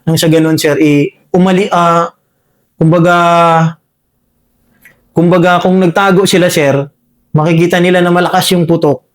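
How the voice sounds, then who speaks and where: A man, a soldier, recounting a combat encounter in an interview, talking haltingly with many fillers and addressing the listener as sir over and over. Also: sits high, level tone. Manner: halting, full of fillers, says "sir" constantly. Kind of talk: spoken war story in an interview.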